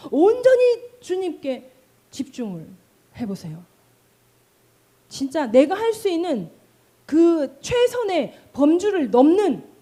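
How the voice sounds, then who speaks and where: A middle-aged woman pastor preaches a sermon in a high, very lively voice that swoops up and down, mellow rather than bright. She tells stories energetically, acting out calls and cries, and keeps putting questions to the congregation.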